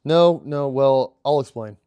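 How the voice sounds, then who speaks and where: A man's voice: mid-range voice, unhurried, mellow, clean tone, dry recording, lo-fi sound, close to an everyday voice. A man reading the part of a deferential male robot crew member, hesitant as he reads aloud.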